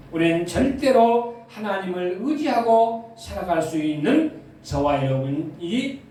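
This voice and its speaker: High-voiced preaching pastor, echoey hall. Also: male voice, darkish tone. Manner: preaching with questions to the congregation. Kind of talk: sermon. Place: church sanctuary. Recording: echoey church sound from far off.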